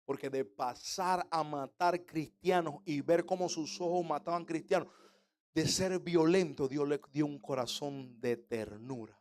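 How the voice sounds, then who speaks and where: Pastor with a high voice. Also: male voice, a little slow, a little mellow. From Panama. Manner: humorous preaching with rhetorical questions. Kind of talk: sermon.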